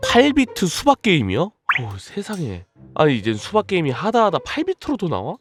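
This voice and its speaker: A woman's voice: lowish voice, huge pitch swings, normal speed, music in the background. A woman streaming a casual game, giving playful commentary and scolding the game pieces as if they were children.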